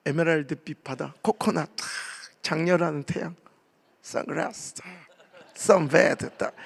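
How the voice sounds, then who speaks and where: A male pastor preaches a revival sermon as a story. His voice sits high for a man and has a gravelly edge, and he swings into acted voices for his family. He sounds like a man in his forties. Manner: animated storytelling, acting out family members' voices.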